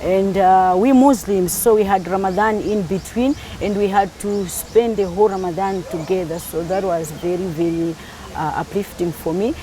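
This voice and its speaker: A woman's voice: mid-range voice, normal speed, mellow, slight background noise, poor audio. A middle-aged woman from Malawi, talking in a casual interview and laughing easily.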